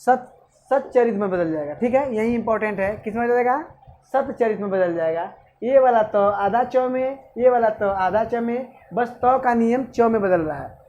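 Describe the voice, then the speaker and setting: Man, teacher, high-pitched voice, exam-prep grammar lesson, quizzes himself aloud. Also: lively intonation, moderate pace, a little mellow, lo-fi sound. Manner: asks and answers own questions, repeats "okay".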